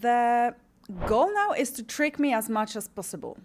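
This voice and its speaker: Quick-questioning woman podcast host. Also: fairly high pitch, animated, a little hiss or hum. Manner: quick, probing questions, teasing. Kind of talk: casual interview chat.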